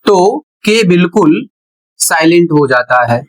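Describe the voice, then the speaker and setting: Slow, high-voiced male teacher. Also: lively intonation, poor audio. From India. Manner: deliberate, spells words out letter by letter. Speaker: English teacher. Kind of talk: slow classroom explanation.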